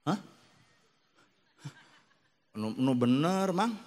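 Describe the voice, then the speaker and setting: A middle-aged man from West Java delivers a sermon with a Sundanese accent, and his voice sits at an ordinary middle pitch. He talks in a lively, joking way, and when he acts out other people in his stories his voice jumps up high. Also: drawn-out words. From West Java, Indonesia. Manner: lively, jokey, acts out quoted wives and angels in high voices. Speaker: preacher.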